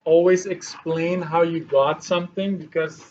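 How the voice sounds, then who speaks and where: A male math teacher talks his class through polygon problems, thinking aloud slowly as he works each step. He drops in dry, sarcastic asides in a somewhat high voice. The recording sounds dull and lo-fi, with a faint hiss behind him. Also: fairly even intonation, a little mellow. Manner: thinking aloud, slow and halting while working problems.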